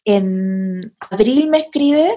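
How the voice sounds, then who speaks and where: A young adult woman from Chile with a Chilean Spanish accent, telling a personal story in a casual, animated and profane way, laughing often. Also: medium pitch, slow pace. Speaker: podcast host.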